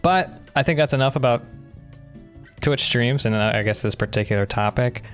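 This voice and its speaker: Over soft background music, a young podcast co-host talks at a moderate pace in a medium-pitched voice. He shares his opinions casually, explaining them as the conversation goes.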